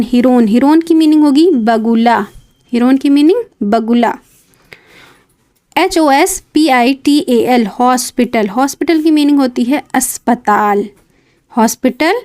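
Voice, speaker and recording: This English vocabulary lesson comes from a woman with a high, slightly mellow voice. She spells words letter by letter, goes over each meaning again, and fills the gaps with short fillers and checks.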